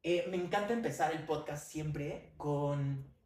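A man's voice: fairly high pitch, takes it slowly, a little mellow. A man hosting a podcast, asking friendly, rambling questions in casual chat. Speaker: podcast host. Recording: roomy, slightly distant mic.

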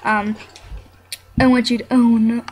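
A woman's voice: on the high side, level tone, takes it slowly, darkish tone, a little hiss or hum. A young woman chatting casually while playing a life simulation game, scolding her barking dog now and then, with keyboard clicks behind her. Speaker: gameplay narrator.

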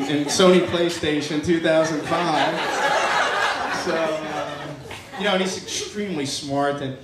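A fairly high-voiced young man gives a toast that sounds distant and echoey, captured by a far-off camera from his handheld PA mic. His informal wedding speech is joking, halting, affectionate and teasing. It takes place in a large reception tent at night, full of noisy guests.

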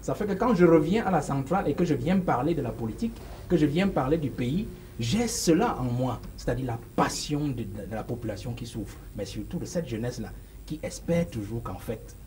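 With lively intonation and a slightly fast pace, this man speaks in a medium-pitched, darkish voice. He's a political guest in his forties with a Cameroonian French accent, emphatic and gesturing but full of hesitations, interviewed on a small sofa set via lapel mic. The audio is poor and has slight background noise.

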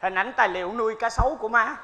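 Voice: mid-range voice, rapid-fire, sharp tone. A performer playing a flustered, panicky husband in a stage comedy sketch, yelping and pleading. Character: panicky henpecked husband being blackmailed.

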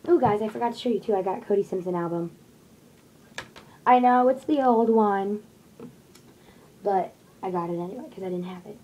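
A woman's voice: mid-range voice, moderate pace, pauses often, mellow, highs cut off, slight background noise. Chatty young woman in a bedroom haul video. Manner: chatty, rambling, lots of fillers. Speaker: vlogger showing a shopping haul. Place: small bedroom with posters, indoors. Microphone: webcam on desk at close range.

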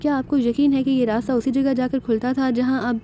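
A man's voice: very high voice, flat delivery, a little fast, warm tone, a little hiss or hum. A woman voicing a clever male secret agent who asks questions in a polite, innocent-seeming way. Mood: inquisitive.

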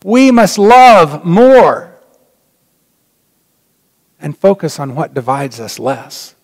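In a large church sanctuary with a long, resonant reverb, a middle-aged pastor preaches extremely slowly from the pulpit. His voice is a little high and swings widely in pitch. Earnest and reflective, he drops to a near-whisper when he makes his key points.

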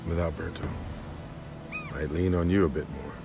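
An actor playing a steady, caring adult male survivor in a video game. He speaks calmly and earnestly over a game score. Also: low voice, normal speed, close to an everyday voice. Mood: concerned. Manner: calm, earnest.

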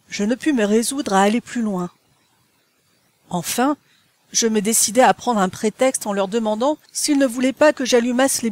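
A woman narrating a classic novel as an audiobook in a measured, even storytelling manner. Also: fairly high pitch, dry recording.

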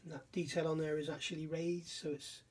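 The voice belongs to a middle-aged man, a little high and husky, delivered flatly and fairly quickly. Working at an indoor workbench, he casually reviews a scale model kit by hand, thinking aloud in an admiring, musing way and often questioning his own conclusions.

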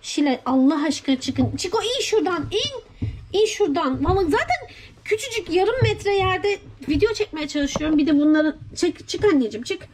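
A woman's voice: extremely high pitch, moderate pace. A woman vlogging from inside a small wardrobe at home, talking playfully and scolding her pets, recorded on a phone camera. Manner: animated, squealing and scolding pets. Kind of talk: playful vlog chat.

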